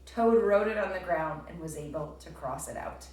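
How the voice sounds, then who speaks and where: A woman who sounds like a teacher reads a storybook aloud to children, narrating and speaking straight to her young listeners with comprehension prompts. Her voice is on the low side and somewhat dark, at a normal speed, recorded from a distance in a roomy space with faint background noise.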